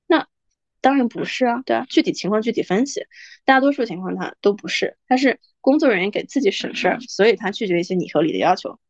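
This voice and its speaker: A woman's voice: a little high, animated, fast, no echo, lo-fi sound. A young adult woman hosting a podcast, giving frank, chatty advice and acting out what other people say. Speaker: podcast host. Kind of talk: casual advice monologue.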